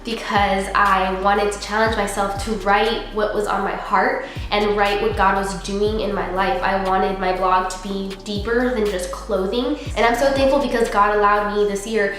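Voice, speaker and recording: A woman's voice: medium pitch, little pitch movement, normal speed, a bit bright. A young woman who is congested with a cold, talking casually and earnestly in a reflective vlog and often dropping in "like" as a filler. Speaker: vlogger. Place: unfurnished apartment room, indoors. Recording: very echoey empty room, music underneath.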